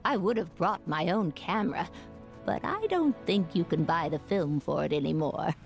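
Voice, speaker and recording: A genteel older lady handing out a video game errand. She coaxes fussily in a lowish, very lively voice, with faint music behind. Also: moderate pace, creaky. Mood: gently coaxing. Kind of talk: scripted video game voice acting.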